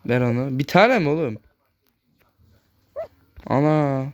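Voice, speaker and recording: A man hosting a gaming channel, chatting casually through his gameplay, speaking a bit loudly on purpose and constantly addressing his viewers as friends. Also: mid-range voice, expressive, slow, a little hiss or hum. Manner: talks loudly on purpose so the voice carries.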